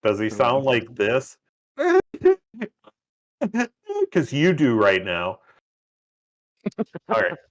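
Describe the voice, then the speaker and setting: Gravelly man taunting in a tabletop game. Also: medium pitch, sing-song, takes it slowly, pauses often, fairly bright tone. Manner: taunting, joking, interrogating in character. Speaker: player. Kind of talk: tabletop role-play.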